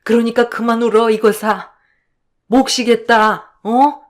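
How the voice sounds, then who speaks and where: A voice actor playing a gentle older mother who soothes her crying daughter in a radio drama. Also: mid-range voice, fairly even intonation, takes it slowly, close to an everyday voice. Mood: soothing. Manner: soothing, resigned. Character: gentle older mother, dying yet calm. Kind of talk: Korean radio drama reading.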